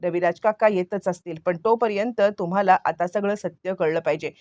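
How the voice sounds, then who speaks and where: A woman's voice: lowish voice, fairly quick, a little mellow, no room sound, lightly acted. A resolute young wife, voiced by a woman narrator questions firmly and insists on the truth. Her voice is dull-toned, close and dry.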